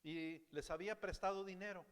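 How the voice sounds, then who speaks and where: A man's clear, resonant, high-sitting voice rings through a large church sanctuary as he preaches briskly in both Spanish and English. He is animated, repeats each point to translate it, and often asks the congregation questions.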